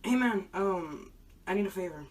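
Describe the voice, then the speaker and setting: A woman's voice: medium pitch, animated, normal speed, close to an everyday voice. A woman playing a threatening male crime boss in an amateur short film, pushy and repetitive. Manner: pushy, repeats himself. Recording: distant mic.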